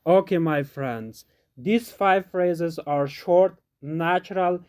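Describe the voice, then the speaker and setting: A man teaching an English lesson in a slow, deliberate, scripted way, repeating example phrases for learners. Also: on the high side, a little mellow, smooth. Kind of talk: scripted language lesson narration.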